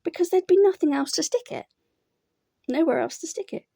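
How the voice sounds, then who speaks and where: A fussy male rabbit thinks aloud in earnest, sounding rather pleased with himself , as a woman voices him. His voice is high, with a gravelly edge. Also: expressive, brisk, warm tone, exaggerated voice. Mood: musing.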